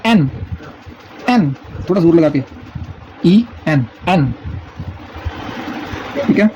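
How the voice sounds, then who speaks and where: A man teaches in a casual, patient way, repeating each sound slowly. His voice sits high and mellow. The recording is dull and lo-fi with faint noise behind. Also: animated. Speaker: language teacher. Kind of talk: casual spoken lesson.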